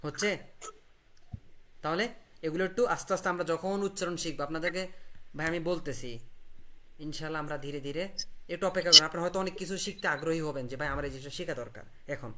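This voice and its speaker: A man's voice: fairly high pitch, steady tone, brisk, long pauses, sharp tone. Patient man teaching a class. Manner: patient, drills pronunciation, asks the class questions. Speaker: language teacher.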